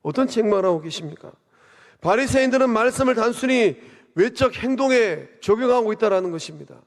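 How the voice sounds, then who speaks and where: This pastor preaches a sermon in a high, animated, brisk voice, building to swells of emphasis and asking rhetorical questions. He is in a church sanctuary, and the long reverb of the hall rings around him.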